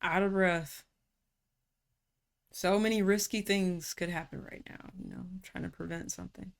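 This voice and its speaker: Low-voiced woman in a calm coaching talk. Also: vocal fry. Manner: calm, unhurried, slips into casual slang. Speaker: personality typology coach. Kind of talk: reflective coaching monologue.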